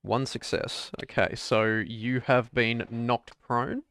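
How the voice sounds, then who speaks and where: A man's voice: mid-range voice, steady tone, slow, a bit bright, clean tone, dry recording, clean studio sound. A man running a tabletop role-playing game as game master, patiently explaining the rules.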